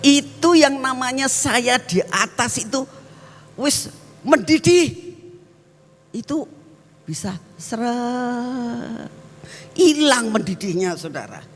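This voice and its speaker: A woman evangelist preaching a sermon, telling personal stories with an animated storyteller's manner. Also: on the high side, slow pace, big-room sound. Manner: animated storyteller, addresses the congregation as brothers and sisters.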